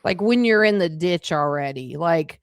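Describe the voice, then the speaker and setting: A woman's voice: fairly low pitch, lively intonation, normal speed, clear, resonant tone, no room sound, clean studio sound. A woman hosting a casual interview, chatty and peppered with fillers. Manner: chatty, with frequent "like" and "you know" fillers. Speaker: host.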